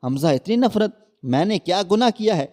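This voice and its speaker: Brief: man voicing a young wife pleading with her husband, mellow higher voice, storybook read. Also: expressive, long reverb tail. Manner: pleading, emotional. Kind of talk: storybook narration.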